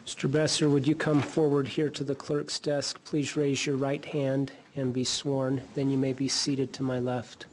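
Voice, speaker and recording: Judge's even voice in a courtroom recording. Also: male voice, mid-range voice, rough recording. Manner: measured, formal instructions. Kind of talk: formal courtroom proceedings. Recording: courtroom recording with faint background noise.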